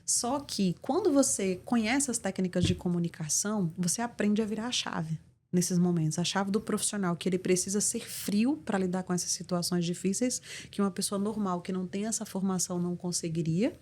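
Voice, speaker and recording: A woman's voice: mid-range voice, fairly quick, darkish tone. A middle-aged woman from Brazil with a Brazilian Portuguese accent, an interview guest and communication mentor explaining with emphatic examples. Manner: assertive, didactic, emphatic delivery.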